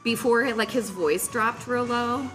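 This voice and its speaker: A woman's voice: on the high side, unhurried. A woman guest on a casual podcast at a bar patio, telling stories wryly. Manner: wry storyteller. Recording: music playing behind.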